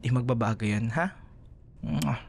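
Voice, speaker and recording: Speaking unhurriedly in a husky, creaky, medium-pitched voice, a Filipino-accented man murmurs tenderly as a protective young boyfriend in ASMR roleplay. The mood is one of tender, sleepy comfort.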